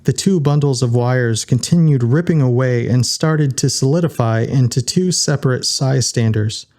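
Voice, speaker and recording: A man reading an audiobook in a steady, unhurried narration. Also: mid-range voice. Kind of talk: scripted narration.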